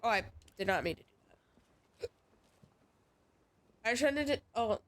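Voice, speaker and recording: A woman's voice: on the high side, lively intonation, normal speed. A woman chats on a live game stream with a stuffy, congested voice from a cold. She rambles casually, filling her talk with "like" as she plays. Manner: chatty, rambling with many "like"s. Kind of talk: casual live-stream chat while gaming.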